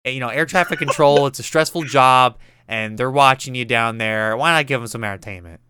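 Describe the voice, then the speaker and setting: A man's voice: mid-range voice, fairly quick, sharp tone, a little hiss or hum. A young man co-hosting a casual podcast, joking and bantering playfully. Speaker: podcast co-host. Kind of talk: casual chat.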